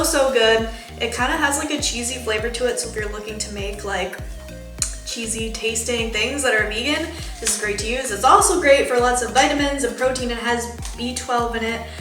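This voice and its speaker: A woman's voice: fairly high pitch, fairly bright tone. A woman chatting casually through a vegan cooking demo at home, gushing about the food and filling her talk with "um" and "like.". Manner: chatty, full of fillers like "um" and "like". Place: home kitchen. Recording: echoey room with background music.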